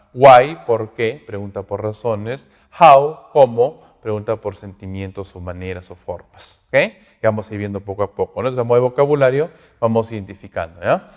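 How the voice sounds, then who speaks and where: A male English teacher giving a recorded grammar lesson, explaining patiently and checking in with his students again and again. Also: fairly low pitch. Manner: explains slowly, checks in often with "¿ok?" and "¿no?"; sounds out English examples slowly and carefully. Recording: long reverberant echo.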